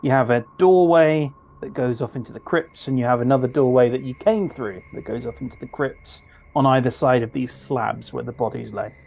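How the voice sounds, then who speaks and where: Male game master, mid-pitched, halting and searching for words as he describes the scene. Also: creaky, darkish tone. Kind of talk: narrating a tabletop game.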